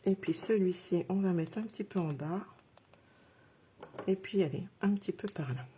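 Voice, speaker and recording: A woman's voice: fairly low pitch, normal speed, mellow, slight background noise. A middle-aged woman giving a live craft demonstration, chatting through each step and talking straight to her viewers. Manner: chatty, narrates each step while working; addresses viewers directly, self-encouraging.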